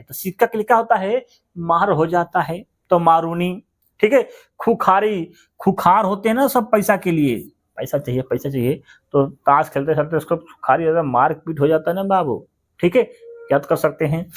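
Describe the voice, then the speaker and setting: High-voiced man teaching mnemonic tricks. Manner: chatty, repeats words, asks and answers himself. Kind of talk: mnemonic exam-prep lesson.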